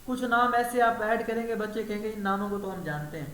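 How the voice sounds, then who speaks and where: A man's voice: high voice, fairly bright tone. A man leading an online teacher training lesson, explaining step by step and quizzing his trainee as he goes. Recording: echoey room, faint hiss.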